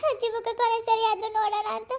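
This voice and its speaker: A woman doing a shrill, tearful young village wife. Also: completely flat delivery, fast. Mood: alarmed. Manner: shrill, pleading, sobbing. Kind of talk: animated cartoon voice acting.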